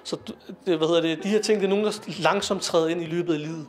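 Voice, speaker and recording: A man's voice: fairly high pitch, steady tone, faint music behind. A young man giving an informal lecture to young people, talking conversationally with fillers and asking his listeners questions. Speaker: lecturer on Sikh philosophy.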